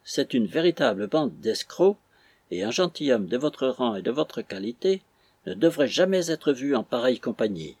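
A man's voice: medium pitch, sing-song, normal speed, a little mellow, husky, no echo. A man reading an audiobook, voicing a shrewd stableman who gives confiding, fatherly advice. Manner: confiding, advising.

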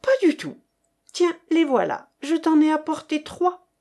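A woman's voice: high voice, sing-song, a little slow, creaky, a little mellow, voice pushed up, exaggerated voice. A woman voicing a cheerful, eager young woman student in a novel reading.

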